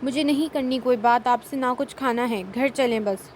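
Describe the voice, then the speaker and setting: A woman's voice: fairly high pitch, steady tone, slight background noise, natural voice. A woman voicing a playful, stubborn young wife who pleads and sulks in a storybook reading. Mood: upset.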